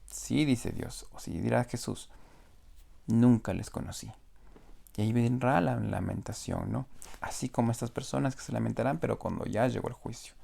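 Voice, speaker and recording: Gravelly man preaching a sermon. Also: medium pitch, normal speed, mellow. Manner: explanatory, asks rhetorical "¿no?" often. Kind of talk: sermon teaching on scripture.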